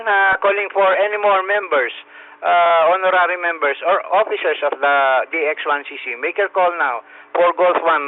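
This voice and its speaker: Older Filipino man as radio net controller, slightly high voice, halting fillers, two-way radio transmission with a narrow band. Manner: halting, frequent "ah" fillers, spells call signs phonetically. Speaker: net control operator of an amateur radio roll call. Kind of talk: radio net roll call in mixed Tagalog and English.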